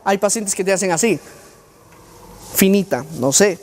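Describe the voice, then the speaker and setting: A man's voice: high-pitched, unhurried. A middle-aged man giving a university lecture, often firing rhetorical questions at his audience. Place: lecture hall. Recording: long hall reverb.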